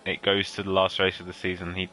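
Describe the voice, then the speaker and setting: Bright-voiced male race commentator, lively. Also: low-pitched, fast. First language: English. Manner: lively, playful banter, excited at overtakes. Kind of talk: sim racing commentary.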